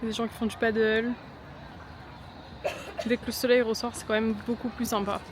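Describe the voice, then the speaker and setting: A travel vlogger chats easygoingly while walking around a city and partly riding a bus, filming on a handheld phone and using many fillers. Her voice is a little high, delivered flatly and briskly over a noisy background.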